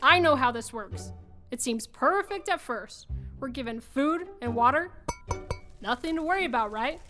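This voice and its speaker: Bright high-pitched feisty young ladybug. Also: expressive, normal speed, faint music behind. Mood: grave warning. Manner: dramatic, urgent, forceful. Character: determined young female ladybug, feisty city bug. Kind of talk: audio drama acting for children.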